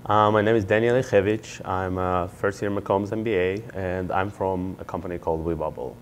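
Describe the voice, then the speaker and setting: A man's voice: deep voice, steady tone, moderate pace, slight background noise. A young man, an MBA student and startup founder, answering interview questions in an earnest, explanatory way with occasional fillers. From Israel.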